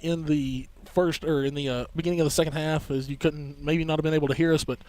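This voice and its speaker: A man with a Southern Tennessee accent calls the play-by-play of a college soccer game. His voice sits a little high, and he follows the ball in brisk, quick calls. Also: fairly even intonation, darkish tone, poor audio. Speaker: play-by-play announcer. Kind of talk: live sports commentary.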